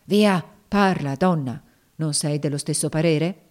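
A brutal male master blusters and curses, fear showing under the bluster, as a woman reader plays him. The lines come out loud and forceful. It is a dramatic audiobook reading. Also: sits low, unhurried. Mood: blustering, uneasy. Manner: blustering, cursing.

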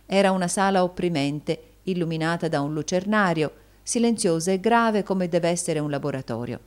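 A woman narrating a classic novel in a measured audiobook reading. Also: fairly low pitch, a little mellow.

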